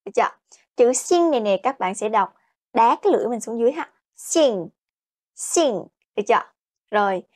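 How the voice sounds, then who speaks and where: Woman, Chinese teacher, fairly high voice, slow modeled phrases, lesson style. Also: lively intonation. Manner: explains in Vietnamese, models Chinese slowly, keeps asking "Được chưa?". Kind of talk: language lesson.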